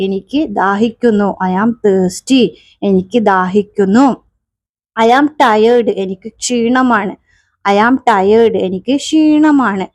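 A woman with a Malayali accent leads a beginner English lesson in a raised, bright register, repeating each phrase twice with cheerful patience. She speaks very slowly and deliberately. Her voice is close and dry, with no room sound around it. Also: a little high, no room sound. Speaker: English teacher.

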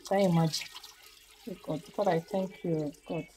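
A young Nigerian woman, a stay-at-home mom, chatting to her phone camera at home. She sighs, murmurs when tired and gets loud when excited. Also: moderate pace, faint music behind. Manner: chatty, sighing, switches between low tired murmurs and loud excited outbursts. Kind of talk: casual talking-to-camera vlog. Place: home kitchen and rooms, indoors. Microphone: phone camera held close.

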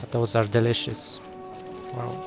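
A chatty travel vlogger films outdoors in a city market and old town on a small handheld camera mic, with music behind him. He jokes around and is easily impressed in his casual commentary. His voice is mid-range, with a level tone and a measured pace.

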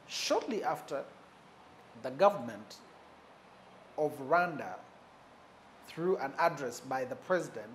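Man giving a measured, pausing commentary. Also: medium pitch, expressive, slight background noise. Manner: measured, often pausing with "you know" and "uh"; stresses key words for emphasis. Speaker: political commentator. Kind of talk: unscripted news commentary.

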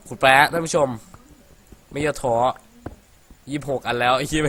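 A man's voice: mid-range voice, sharp tone, a little hiss or hum. A young man from Thailand giving casual, profane let's-play commentary, chattering and laughing as he plays. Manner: rowdy and profane, laughs a lot, playful chatter. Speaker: gaming commentator.

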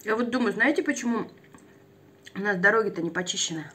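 A woman's voice: mid-range voice, lively intonation, bright, forceful tone. A woman talking casually with her mouth full while chewing, musing aloud as she eats for a mukbang. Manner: chatty, musing, unhurried. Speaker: mukbang vlogger. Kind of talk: casual chat while eating.

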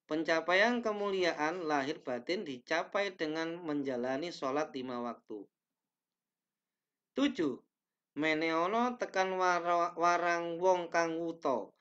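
A man's voice: high-pitched, a bit bright, clean tone. A young man teaching a class, reading slides aloud with careful pacing and small self-corrections, in a small indoor room. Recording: dull lo-fi webcam audio.

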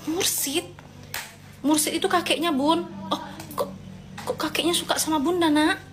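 A woman's voice: sits high, steady tone, normal speed. A woman hosting a casual live stream, reading viewer comments aloud and answering them in a playful, motherly way. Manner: gently scolding, motherly tone to followers.

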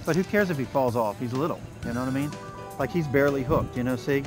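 A man's voice: mid-range voice, quick pace, music in the background. A man hosting a fishing video from a small boat outdoors, coaching his buddy in an easygoing, casual way. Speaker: fishing channel host. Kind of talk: casual chat while fishing. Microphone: head-mounted action camera.

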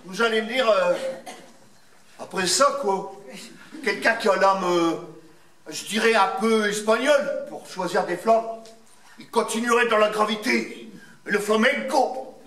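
Actor reading prose aloud on stage, high voice, slow and weighty, roomy hall. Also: male voice, fairly bright tone. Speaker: actor giving a public reading. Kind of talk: literary reading and storytelling. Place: large event hall. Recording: echoey hall, distant mic.

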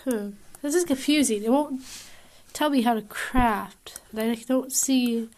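A woman's voice: fairly high pitch, measured pace, darkish tone. Puzzled woman grumbling over a game. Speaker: gamer. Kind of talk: gameplay commentary.

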